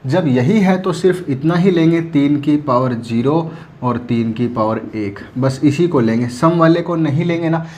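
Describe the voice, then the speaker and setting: This is a man's fairly high, darkish voice, unhurried, with slight background noise. He lectures on math at a board, answering his own questions and repeating "ध्यान देना" to keep students focused.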